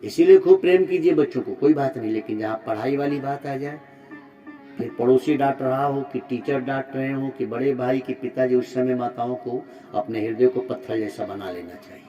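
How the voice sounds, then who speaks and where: Through a muffled, distant mic with music behind him, a medium-pitched man preaches a devotional sermon at a moderate pace. Retelling a religious story, he appeals to the mothers listening, swinging dramatically from loud exhortation to soft asides.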